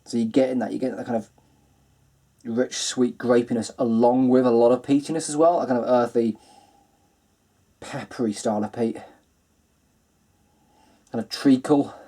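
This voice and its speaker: Man, mid-pitched, easygoing whisky vlogger, chatty and unhurried. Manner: relaxed and chatty, many ums and kinds of. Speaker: whisky reviewer, host. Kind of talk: casual video review.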